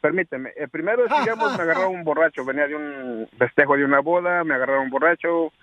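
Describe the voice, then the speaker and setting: A man from Puebla calling in to a radio show, telling his story haltingly with many restarts. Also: a little high, fairly bright tone, no echo. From Puebla, Mexico. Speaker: caller. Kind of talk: phone-in call about his case. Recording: muffled phone line with hiss.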